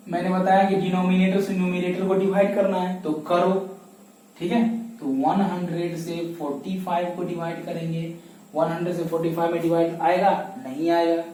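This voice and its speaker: In this distant, echoey recording, a man whose warm voice sits high teaches math step by step. He keeps repeating key steps and supplies the answers to the questions he asks.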